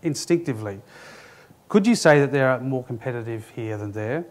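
A man, a former radio executive, giving a measured, explanatory presentation at a conference and addressing the audience directly. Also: medium pitch, expressive.

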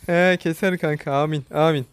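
A man commenting live on his own mobile game match, excitable and shouting in panic when chased. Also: a little high. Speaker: gamer streamer.

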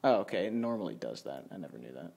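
Sitting at his computer in a dim room, a man casually shows off his home studio with some self-deprecation. His low voice is creaky, a little mellow and slightly rough, and he talks fast in a sing-song way. Music plays in the background, and the audio comes from a handheld camera or phone mic.

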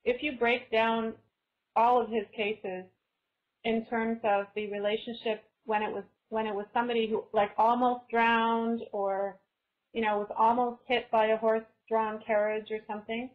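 A woman's voice: fairly high pitch, little pitch movement, normal speed. Woman author on a video call. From Canada. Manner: thoughtful, restarts phrases while thinking. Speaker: guest author. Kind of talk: casual webinar conversation. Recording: slightly dull lo-fi video call audio.

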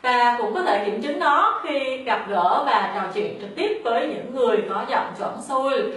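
A woman's voice: a little high, animated, a little slow, a bit bright, breathy edge. A woman whose first language is Vietnamese, giving a spoken lesson on Korean intonation and patiently explaining before reading example words aloud.

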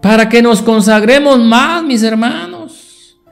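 A man. He keeps putting rhetorical questions to his listeners, with soft music behind him. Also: extremely high pitch, takes it slowly, gravelly. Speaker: preacher. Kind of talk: Sunday school sermon.

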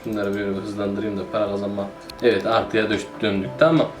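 A man's voice: lowish voice, little pitch movement, quick pace, faint music behind. A man giving casual, joking commentary while playing a city-building game and talking to himself. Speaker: gaming YouTuber. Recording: roomy echo.

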